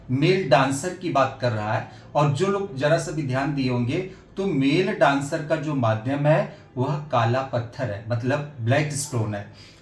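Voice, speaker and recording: A male teacher giving an earnest exam-prep lesson, repeating his points and pausing with hesitation fillers. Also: medium pitch, echoey room.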